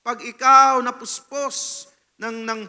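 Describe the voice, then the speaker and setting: A Filipino man preaching a sermon as pastor, telling a personal testimony with animated storytelling and frequent "no?" tag questions, swinging between loud and hushed. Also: extremely high pitch, takes it slowly. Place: church hall. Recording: long reverb of a church hall.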